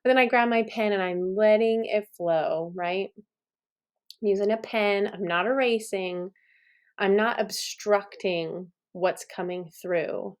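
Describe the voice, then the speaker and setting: A middle-aged woman teaching songwriting in a relaxed, chatty way, encouraging and laughing at herself. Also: medium pitch, takes it slowly. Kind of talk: relaxed instructional talk to camera.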